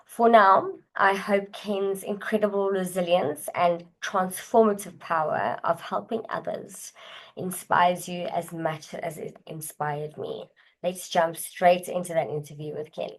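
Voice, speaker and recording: A woman's voice: lowish voice, steady tone, a little slow, poor audio. Earnest woman host narrating. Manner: earnest, inspirational. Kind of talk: scripted narration.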